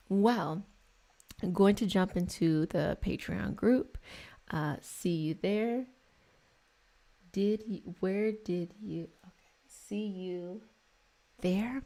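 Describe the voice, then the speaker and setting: Very slowly and with frequent pauses, a woman with a medium-pitched, dark voice reflects and explains on her casual livestream. She's an American spiritual healing practitioner from the DMV region near Washington DC who lovingly calls her listeners "y'all" and "babies."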